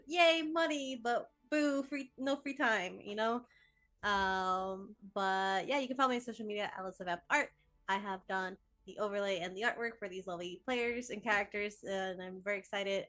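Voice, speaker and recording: A woman player introduces herself in a chatty, upbeat way. Her voice is bright and fairly high, heard dry and close. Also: dry recording. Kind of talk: casual chat.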